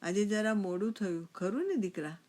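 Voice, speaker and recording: A woman voicing an elderly father in a storybook tale, speaking slowly and tenderly with drawn-out, affectionate calls. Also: mid-range voice, lively intonation, a little mellow, natural voice.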